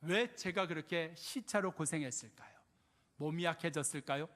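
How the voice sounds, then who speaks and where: A man's voice: on the high side, normal speed, a bit bright. An older man preaching as a pastor, firing off rhetorical questions with swelling and dropping emphasis, in a church sanctuary. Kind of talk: sermon. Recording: long hall reverb in a church.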